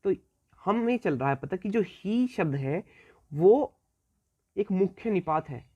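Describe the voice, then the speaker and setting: A man's voice: high voice, animated, takes it slowly, no room sound, dull audio. A man teaching a recorded grammar lesson, explaining step by step, repeating key words and answering his own questions.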